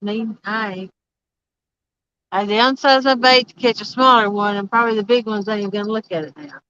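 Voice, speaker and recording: Bright-voiced woman, says w for r. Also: mid-range voice, brisk, slight background noise. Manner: trouble saying R's, says w for r. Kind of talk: casual chat on a fishing livestream. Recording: dull lo-fi audio.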